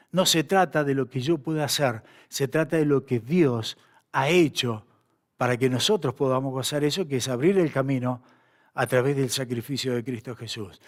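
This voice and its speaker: A man preaching a sermon in a church. He pleads passionately, slows down hard on key phrases, and retells stories with quoted dialogue. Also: medium pitch. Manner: impassioned, pleading, slows for emphasis.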